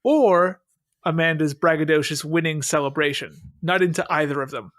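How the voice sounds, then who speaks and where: A man's voice: a little high, moderate pace, a bit bright, dry recording. A man hosting a podcast, recapping an episode and chatting with a wry, sarcastic manner on a close mic. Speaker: podcast host. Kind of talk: casual chat and episode recap.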